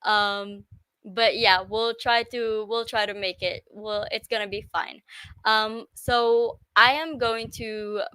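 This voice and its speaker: A woman with an Israeli accent, whose first language is Hebrew, hosts a casual live stream in hesitant English, often correcting herself. Her voice is a little high, smooth and sharp in tone, with fairly even intonation and a slow pace. There's no echo.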